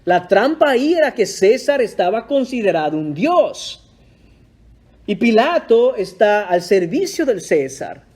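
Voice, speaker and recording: Male pastor, high voice, emphatic, dramatic sermon delivery. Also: big pitch swings, a little slow, a little mellow. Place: church.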